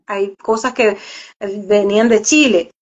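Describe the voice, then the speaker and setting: A woman's voice: medium pitch, steady tone, unhurried, breathy edge. A woman, a voice actress, talking casually in an interview, explaining at length and often repeating words as she searches for them. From Venezuela. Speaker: voice actress and journalist, guest. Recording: dull lo-fi audio.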